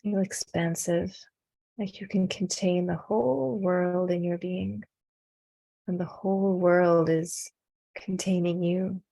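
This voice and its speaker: A woman guiding a meditation, giving slow, calm breathing instructions with long pauses. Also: on the low side, vocal fry. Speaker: meditation teacher.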